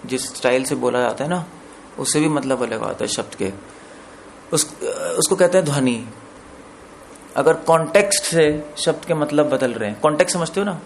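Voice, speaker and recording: A man's voice: fairly high pitch, lively intonation, moderate pace, a little hiss or hum. A man giving a scripture discourse as a preacher, explaining word meanings step by step and checking with listeners through questions. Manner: explains with questions to listeners, mixes in English words.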